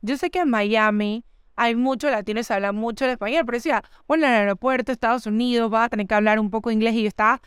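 A young woman tells animated travel stories on a casual podcast. Her voice sits a little high and is very clear, recorded close and dry. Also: fast, no room sound. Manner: lively, animated storytelling. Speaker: podcast co-host. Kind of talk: casual chat.

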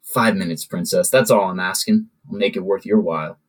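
Man doing a drunk rude boss, pushy, husky, lowish. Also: brisk.

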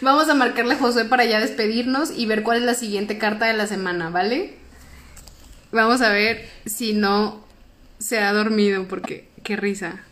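A young Mexican woman co-hosting a podcast, telling a story in lively casual chat and acting out the voices of the people in it. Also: medium pitch, normal speed. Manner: animated, acts out quoted voices, laughs often. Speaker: podcast co-host.

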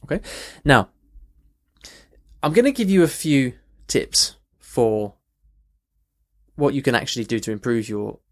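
A man of medium pitch hosting an audio lesson. He talks off the cuff, backtracking and rephrasing as he goes, and keeps checking in with the listener. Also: very animated, measured pace, long pauses. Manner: conversational, many restarts and "okay" check-ins. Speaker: language teacher, podcast host. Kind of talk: unscripted podcast lesson. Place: in London.

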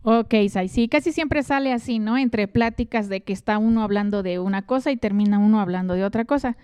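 A woman's voice: mid-range voice, a little fast, dark tone, smooth. A woman hosts a casual talk and asks the guest easygoing questions. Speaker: host. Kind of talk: casual chat.

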